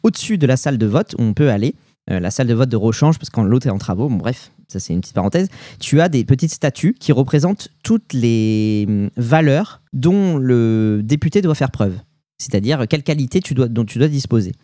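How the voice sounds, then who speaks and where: A man's voice: mid-range voice, fairly quick, no room sound, clean studio sound. A young French man with a French accent, co-hosting a podcast and telling travel stories in casual chat, full of slang and fillers. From France. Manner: animated storytelling with slang and fillers. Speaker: podcast co-host.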